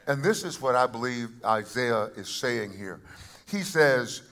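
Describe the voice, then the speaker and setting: A man preaching a sermon to a congregation, shifting between quiet asides and loud emphatic calls and often restarting his phrases. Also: medium pitch, expressive, measured pace. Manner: repeats words and restarts phrases. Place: church service before a congregation.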